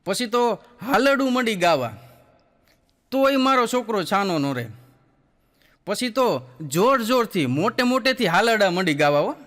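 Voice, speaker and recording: A Kathiawadi Gujarati comedian tells his jokes in a folksy storytelling way, acting out each person in his stories. His voice sits high for a man. A long hall reverb trails after his words. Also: big pitch swings, measured pace, long pauses, fairly bright tone. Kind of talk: stand-up joke telling.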